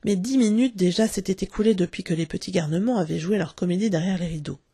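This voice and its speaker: Husky, gravelly woman reading a story aloud. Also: on the low side, fast talker, no echo, studio quality. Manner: expressive storytelling, acting out the characters. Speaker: narrator.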